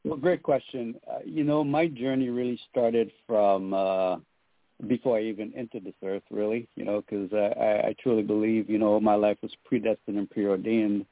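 A man's voice: fairly low pitch, fairly even intonation, moderate pace, no echo. Middle-aged male radio guest calling in on a dry, tinny line; earnest, faith-driven, filler-heavy. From Trinidad and Tobago. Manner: earnest, spiritual, with many fillers. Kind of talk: radio interview.

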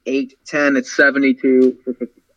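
A man's voice: medium pitch, flat delivery, moderate pace, dry recording. A man talking casually as a panelist on a horse racing show. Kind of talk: casual chat. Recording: dull lo-fi sound.

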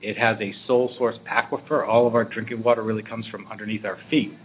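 A man explaining things as an interview guest in a measured way. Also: lowish voice, little pitch movement, husky. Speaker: interview guest, regional planning director. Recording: narrow muffled phone-like sound with faint noise.

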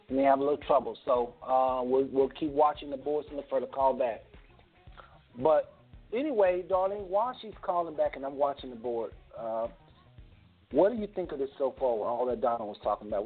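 A man's voice: medium pitch, husky. A man hosting a phone interview in a folksy, chatty way, often cutting in on his guests. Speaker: host. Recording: tinny phone line.

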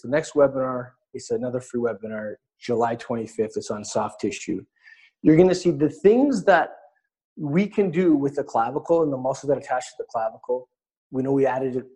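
A man's voice: medium pitch, mellow, husky. A man teaching a live webinar in a conversational way, demonstrating on an anatomy model as he explains. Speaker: webinar instructor.

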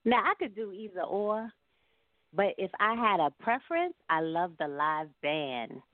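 At a measured pace and with lively intonation, a woman with a mid-range voice answers phone interview questions as a singer. She's conversational and reflective, going on at some length over a narrow-band line with no room sound.

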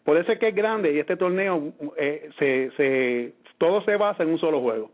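A Puerto Rican man co-hosts a sports podcast, reasoning aloud and repeating words as he restarts his thoughts. His voice sits a bit high and comes through a narrow, phone-like line. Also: animated, moderate pace. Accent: Puerto Rican Spanish. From Puerto Rico. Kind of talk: casual sports talk.

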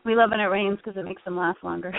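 A middle-aged health coach from Connecticut, in the United States, tells her own story as a guest in a conversational interview. Her medium-pitched voice is gravelly, steady, and fairly quick. Crowd noise comes through a tinny, narrow-band phone line.

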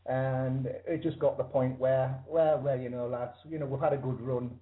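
A man's voice: medium pitch, steady tone, normal speed, narrow, tinny audio. British man on a thin call line. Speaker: interview guest, band musician. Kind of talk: casual call-in interview.

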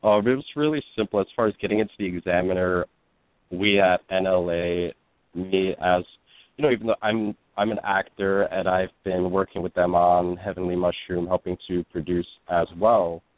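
A man's voice: low-pitched, fairly even intonation, moderate pace, no echo. A man, an actor and producer, explaining his work earnestly in an interview. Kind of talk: interview answers. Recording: phone-like line, dry.

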